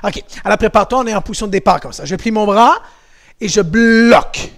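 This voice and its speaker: A man with a Québécois French accent leading a karate workout for kids, coaching with energy and shouting counts and kiai cries. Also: high voice, a little fast. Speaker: karate instructor. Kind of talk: home workout class for kids.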